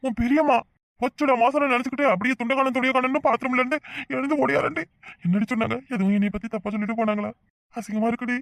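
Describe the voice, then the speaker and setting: Actor doing a young village husband in a cartoon, tirunelveli tamil accent, fast scolding rants, dry close sound. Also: mid-range voice, fairly even intonation, fairly bright tone, no echo, lightly acted. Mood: flustered, scolding. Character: hot-tempered young village husband, bashful and easily rattled. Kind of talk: cartoon comedy voice acting.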